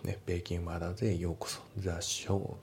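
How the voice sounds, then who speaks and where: A man teaching English, breaking sentences into parts and reading English lines slowly, then explaining pronunciation. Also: low-pitched, level tone, darkish tone, a little hiss or hum.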